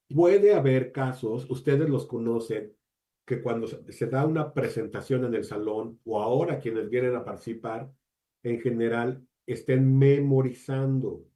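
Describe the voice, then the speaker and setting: A man presenting an online training talk for teachers, measured and addressing the audience directly with questions. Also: mid-range voice, mellow. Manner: measured, uses deliberate pauses, asks the audience questions.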